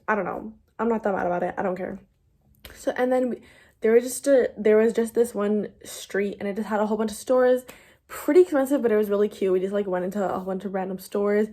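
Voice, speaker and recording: A woman's voice: mid-range voice, warm tone. A young woman chatting casually in a vlog, rambling, with lots of fillers and restarts. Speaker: vlogger.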